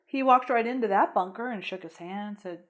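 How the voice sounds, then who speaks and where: A woman co-hosting a podcast, chatting casually and retelling film scenes in an animated way. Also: mid-range voice, brisk. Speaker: podcast co-host. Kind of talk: casual chat about a horror film.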